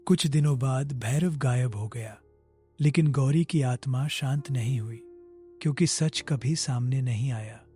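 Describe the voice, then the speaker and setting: A man playing a defensive, guilt-ridden village headman in a horror story, with a husky, dark voice. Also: medium pitch, a little slow, natural voice. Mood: guilty confessing. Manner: defensive, confessional. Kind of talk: scripted horror story acting. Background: prominent music.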